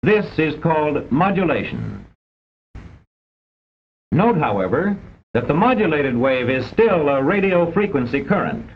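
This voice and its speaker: Heard over a dull, rumbling vintage film soundtrack, this male narrator reads educational script in a formal, exacting, instructive manner. His pitch swoops wildly, his pace is measured, and he leaves long pauses.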